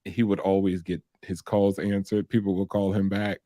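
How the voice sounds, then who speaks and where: A man, a guest on an interview, telling his stories in a casual, animated way and acting out the people he quotes. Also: low voice, moderate pace, dry recording, studio quality. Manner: animated storytelling, acts out quoted voices with laughs. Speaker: interview guest, combat veteran in real estate.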